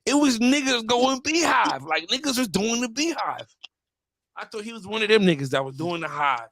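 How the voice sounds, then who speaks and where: High-voiced, bright man in casual banter. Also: normal speed. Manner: animated, profane, repeats phrases for emphasis. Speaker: host judging a hair wave competition.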